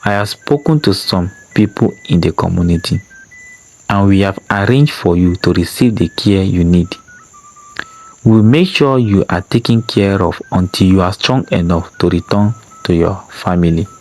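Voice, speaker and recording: Guy reading as a tough foreman going soft, earnest and steady, lowish voice. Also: moderate pace. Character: gruff but caring male foreman.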